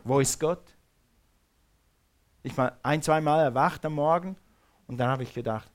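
A man's voice: fairly high pitch, brisk. A man preaching a sermon, fervent and repetitive, calling on the congregation to repeat words after him. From Switzerland.

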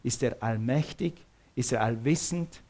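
A man's voice: medium pitch, measured pace, darkish tone. A middle-aged man preaching a sermon, emphatic, repeating questions to his listeners.

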